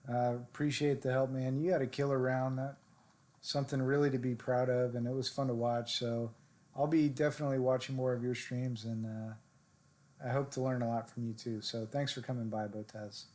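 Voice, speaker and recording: A man's voice: mid-range voice, a little fast. A man giving casual live-stream commentary on his gameplay, chatting with viewers and coaching himself through his shots. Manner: chatty, answers viewer chat directly; relaxed, self-coaching talk with fillers. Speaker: game streamer.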